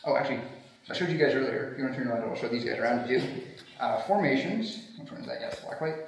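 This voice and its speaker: A man's voice: medium pitch, lively intonation, fast. A man working as a cave researcher, explaining things casually and informally. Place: inside a cave. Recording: very echoey, noisy cave.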